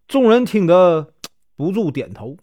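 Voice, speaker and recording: A man tells a classic tale in a chatty, colloquial manner, lingering on little particles. His fairly high voice rises and falls with lively pitch. The sound is close and dry. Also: a little slow, no room sound. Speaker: storyteller. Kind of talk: chatty storytelling of a classic novel.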